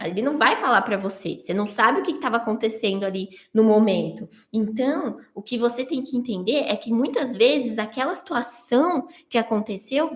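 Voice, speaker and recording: A woman's voice: on the high side, reverberant. A woman coaching her listeners through steps one at a time, asking questions and answering them herself with everyday examples. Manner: explains step by step with everyday examples; addresses listeners directly, asks and answers own questions. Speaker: marriage coach. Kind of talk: live-streamed coaching lesson.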